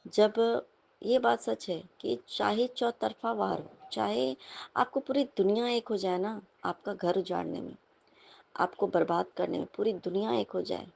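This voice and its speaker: A woman's voice: medium pitch, gravelly, darkish tone. A young woman giving a devotional satsang talk, earnestly telling personal experiences and often addressing her listeners directly. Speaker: satsang speaker.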